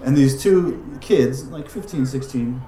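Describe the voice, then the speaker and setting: A man delivers a religious lesson in an easygoing, conversational tone, leaning on frequent asides to the room. His voice sits at a middle pitch with a mellow, darker color. The sound carries a noticeable echo from the space around him. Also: unhurried, a little hiss or hum. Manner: conversational, many "like" and "right?" asides. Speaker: religious teacher. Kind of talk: casual religious lecture. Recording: roomy echoing room.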